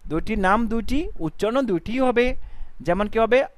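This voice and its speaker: A man's voice: high-pitched, lively intonation, a little slow, no room sound. A man teaching Arabic letter pronunciation, asking questions and repeating answers back in a call-and-response drill. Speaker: Quran recitation teacher.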